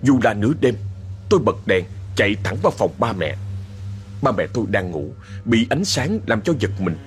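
Expressive male storyteller. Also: lowish voice, normal speed, faint music behind. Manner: dramatic, expressive delivery. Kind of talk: scripted horror narration.

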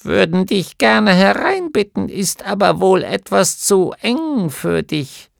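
A man's voice: high voice, sing-song, slow, creaky, no echo, clean studio sound, pitched above the performer's own voice, exaggerated voice. A man voicing a bossy old female gnome healer in an audiobook, with a scolding, nagging manner. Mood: commanding. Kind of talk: audiobook character voice.

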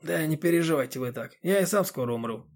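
Man doing a calm sardonic old man. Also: on the high side, fast, pitched above the performer's own voice. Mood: dry. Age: older. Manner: calm, quiet, dry.

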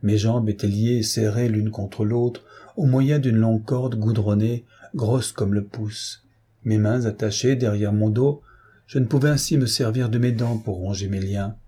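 A man voicing a fierce, wrathful sea captain recounting his ordeal in a measured, intense first-person telling. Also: fairly low pitch, steady tone, warm tone, husky. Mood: grim.

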